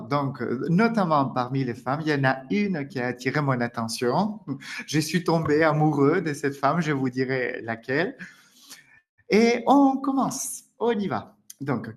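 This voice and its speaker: A French man teaching a live online lesson, friendly and laughing often, with a French accent. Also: fairly high pitch. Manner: friendly, laughs often, many "d'accord?" and "alors". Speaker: French teacher hosting a webinar.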